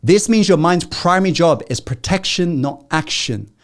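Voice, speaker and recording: Dramatic motivational man, high-pitched. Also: lively intonation, moderate pace. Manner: dramatic, swings between loud emphatic and hushed intimate delivery; rhetorical questions and direct audience prompts. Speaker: motivational speaker hosting a masterclass. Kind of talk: live motivational masterclass talk.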